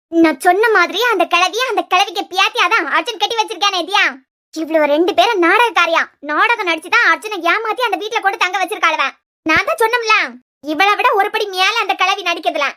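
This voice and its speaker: A woman's voice: extremely high pitch, bright, forceful tone. A woman voicing a scheming, spiteful young woman who sneers as she gossips, in a Kanyakumari Tamil accent, in a cartoon serial. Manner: sneering, indignant.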